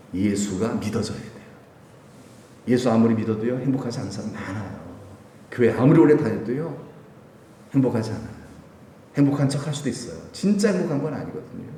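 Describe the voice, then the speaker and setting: A male pastor preaching a Sunday sermon in a church, telling a personal story with frequent laughs. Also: mid-range voice. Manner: storytelling, animated, laughs between phrases. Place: church sanctuary. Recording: echoey hall, voice from a distance.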